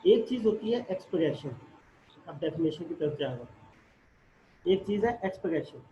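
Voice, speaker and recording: A man's voice: a little high, animated, moderate pace. A man teaching a math class, explaining step by step and asking and answering his own questions. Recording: echoey room, dull lo-fi audio, faint noise.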